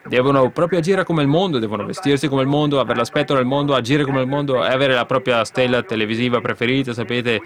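A man delivering a fiery sermon at a middle pitch. He swings between loud, emphatic calls to his listeners and quiet, muttered asides. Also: fast, few pauses, a crowd in the background. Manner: fervent preaching with sudden emphatic outbursts and hushed asides. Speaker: preacher.

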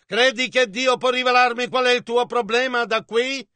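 A man reading an Italian voice-over of a sermon in a measured, even way on a close mic. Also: extremely high pitch, clear, resonant tone, no room sound. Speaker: interpreter voice-over.

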